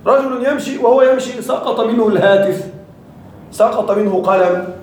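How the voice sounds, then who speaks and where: A man teaching Arabic grammar to a class, lively and quizzing his students with constant questions. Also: high voice, moderate pace, very echoey, slight background noise. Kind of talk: classroom lesson.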